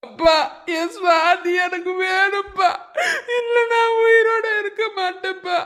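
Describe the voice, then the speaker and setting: A desperate young husband in a cartoon story, weeping and pleading for his dying wife, voiced by a high-pitched performer. His voice sits very high and drags slowly between sobs. Every line comes out broken and begging. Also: a bit bright, exaggerated voice. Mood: sobbing plea. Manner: sobbing, pleading. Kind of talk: cartoon voice acting.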